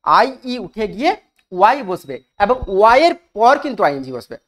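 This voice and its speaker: A woman teaching an English grammar lesson in style, asking her students questions and repeating each rule slowly for emphasis. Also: medium pitch, sing-song.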